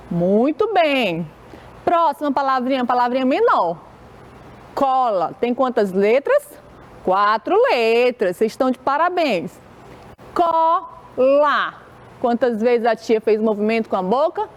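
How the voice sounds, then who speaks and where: A woman teaches a children's reading lesson on television, stretching each syllable slowly. Her voice sits a little high and swoops up and down in a lively sing-song. She talks patiently and unhurriedly. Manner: slow, drawn-out syllables, calls herself "tia".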